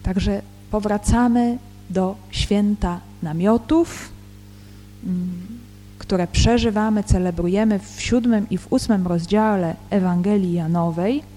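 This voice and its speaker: A woman reads scripture slowly and deliberately, then explains it like a Bible teacher, pausing over her words. Her voice is mellow and unhurried. A long reverb trails behind her, with faint music underneath. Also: medium pitch, a little hiss or hum. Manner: measured, deliberate reading with hesitant fillers when explaining. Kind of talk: slow scripture reading and explanation.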